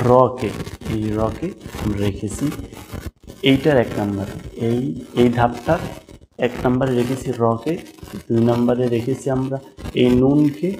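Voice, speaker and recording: A man's voice: mid-range voice, darkish tone, a little hiss or hum. A man teaching pronunciation of letter sounds step by step, patiently drilling the listener with repeated sounds and asking them to repeat after him. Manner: patient, addresses the viewer as brother. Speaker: Quran recitation teacher. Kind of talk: slow step-by-step pronunciation lesson.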